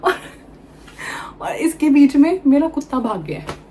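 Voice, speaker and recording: A young woman vlogger telling an animated storytime tale, switching freely between Hindi and English. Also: sits high, a little slow, slight background noise. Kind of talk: storytime vlog.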